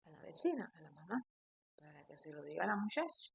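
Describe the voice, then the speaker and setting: Woman voicing a soft, reassuring mother. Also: sits low, sing-song, quick pace, vocal fry, slightly rough, dull audio, exaggerated voice. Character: caring mother giving advice.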